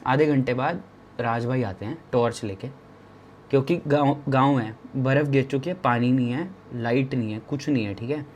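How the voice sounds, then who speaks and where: A man in his twenties telling a travel story in a lively way. He repeats phrases for drama and speaks straight to the listener. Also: mid-range voice, normal speed, a little hiss or hum. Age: 20s. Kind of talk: animated personal storytelling.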